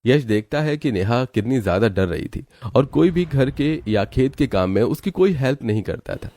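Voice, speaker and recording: A man narrating a cartoon story in a steady, matter-of-fact way. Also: medium pitch, normal speed.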